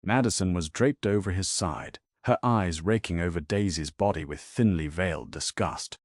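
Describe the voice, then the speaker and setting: A man narrating a romance story in a measured, dramatic way. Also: sits low, no room sound, studio quality.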